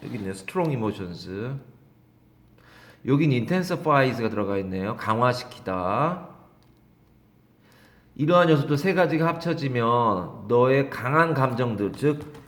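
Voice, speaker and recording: A middle-aged male English teacher giving an exam-prep lecture, reading English phrases slowly and then explaining them, often questioning and teasing his students. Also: mid-range voice, a bit bright, echoey room.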